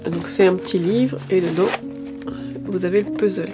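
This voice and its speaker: A woman's voice: fairly low pitch, normal speed, over loud music. A woman chatting casually through a shopping haul video, a little tired, hesitant, with many fillers and restarts. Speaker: lifestyle vlogger.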